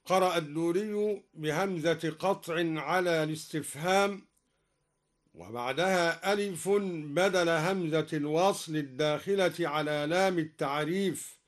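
A man who is a Quran recitation scholar, explaining reading variants in a measured, scholarly way and chanting each verse slowly as an example. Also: fairly high pitch. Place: radio studio.

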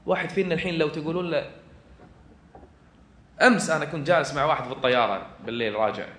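Kuwaiti guy preaching fast, kinda high voice, gets loud and fired up, echoey room. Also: slight background noise. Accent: Kuwaiti Arabic. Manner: swings from quiet asides to loud fervent exhortation. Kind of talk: religious lecture to an audience.

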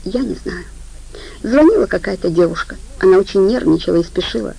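A woman's voice: medium pitch, lively intonation, a little fast, creaky, dark tone, slightly rough, low-quality recording. A woman narrator voicing a distraught but determined woman talking urgently in an audiobook. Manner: urgent, anguished.

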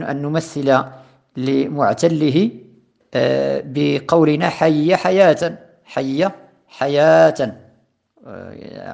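A man teaching a recorded lesson on a grammar poem, slow and deliberate, repeating and stressing each pattern. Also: medium pitch, gravelly. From Morocco. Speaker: teacher of Arabic morphology.

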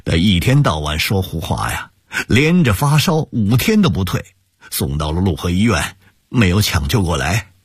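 A man voicing a weepy younger brother pleading through tears, husky. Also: sits low, sing-song, normal speed, no room sound, clean studio sound, full character voice. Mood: distraught.

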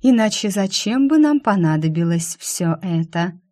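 A woman voicing a sugary, predatory female demon who mocks as she speaks slowly. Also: medium pitch, lively intonation, mellow, natural voice. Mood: menacing. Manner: slow, saccharine, mocking.

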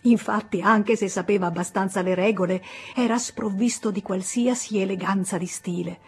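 A woman with an Italian accent reading a classic novel aloud in a measured, expressive audiobook narration. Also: mid-range voice. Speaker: audiobook reader.

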